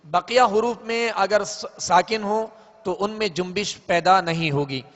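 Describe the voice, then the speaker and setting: A man teaching Quran recitation, explaining pronunciation slowly and then chanting verses in a drawn-out way. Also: high voice, fairly bright tone. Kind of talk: tajweed lesson with chanted recitation. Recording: dull lo-fi audio in a reverberant hall.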